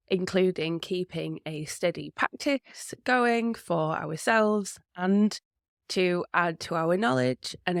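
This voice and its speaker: Woman, lowish voice, podcast host for yoga teachers, encouraging tone, dry close mic. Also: no echo. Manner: warm, encouraging, with small laughs. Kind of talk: scripted podcast monologue.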